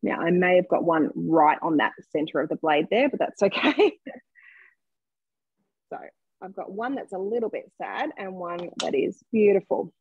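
A young woman leading a live cooking demonstration from a home kitchen, speaking in a friendly, chatty way and inviting viewers to comment. Her voice comes across slightly husky and very dry. The sound is a little dull and muffled, like a webcam on a video call. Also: on the low side, expressive, normal speed, a little mellow, dry recording. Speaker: cooking demo presenter.

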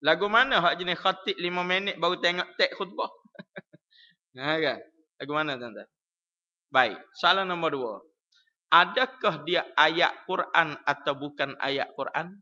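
Malaysian male religious teacher, lively and teasing, very bright tone, dull lo-fi stream sound. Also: a little high. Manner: lively, teasing the audience with questions, chants verses slowly. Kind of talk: evening mosque lecture. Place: prayer hall.

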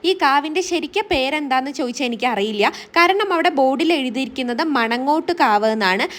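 A woman from Kerala talks through her family travel vlog in a quick, chatty voice-over. Her voice sits high, and she rattles along at a fast clip, often ending sentences with friendly little tags. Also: expressive, a bit bright. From Kerala, India. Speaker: family vlogger. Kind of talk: casual vlog voice-over narration.

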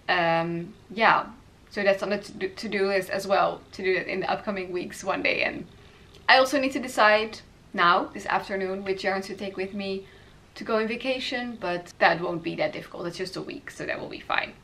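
A woman's voice: medium pitch, bright, forceful tone. A woman, hosting a knitting podcast and rambling casually from her apartment with hesitant fillers.

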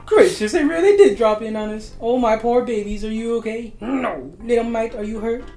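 A man's voice: extremely high pitch, moderate pace, vocal fry, darkish tone, pitched above the performer's own voice. A man voicing a worried, scolding country mom in a fussy manner. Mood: fussing. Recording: roomy with game music.

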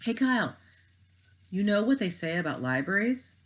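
Brief: a woman playing an excitable boy, bright and high, storybook reading. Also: moderate pace, close to an everyday voice, rough recording. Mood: excited. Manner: eager, excited. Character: enthusiastic boy, library society president.

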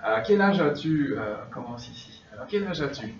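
A man's voice: medium pitch, lively intonation, moderate pace. A man teaching a French class, repeating phrases and drilling his students. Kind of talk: classroom instruction. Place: classroom, large indoor room. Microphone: far camera. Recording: roomy, distant, dull camera audio with room noise.

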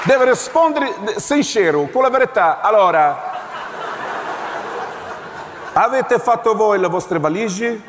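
A man's voice: high-pitched, lively intonation, slow pace, long pauses, a crowd in the background, noisy background, voice pushed up. A man voicing a fussy, officious male airport security guard who speaks broken Italian and keeps repeating his demands, on a live stage. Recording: live theatre stage, echoing, audience.

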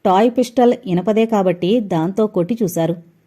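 Mellow-voiced woman narrating a suspense story. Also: mid-range voice, normal speed. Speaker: audiobook narrator.

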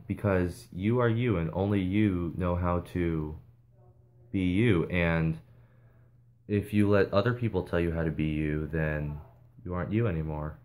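A vlogger speaking to viewers in a casual, earnest way, hesitating often and restarting sentences. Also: male voice, sits low, a little mellow. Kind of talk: casual advice vlog.

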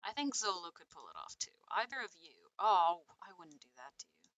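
A young woman casually chatting to herself while playing a game, self-mocking and drifting into soft mutters. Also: mid-range voice, very animated, brisk, no room sound. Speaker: streamer. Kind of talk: casual gameplay commentary.

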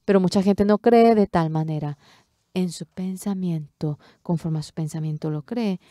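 A woman interpreting a church sermon into Spanish, delivering it emphatically and swelling loud on key words. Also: lowish voice, normal speed, dry recording, clean studio sound.

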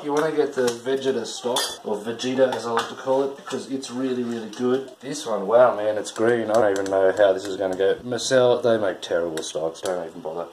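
A man's voice: medium pitch, background noise. Chatty man cooking in an echoey kitchen. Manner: chatty, irreverent, swears casually while working. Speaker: home cook hosting a cooking show. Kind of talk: casual cooking demonstration. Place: small cluttered home kitchen, indoors. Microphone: camera mic filming from a few feet away. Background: clattering pots, pans and dishes.

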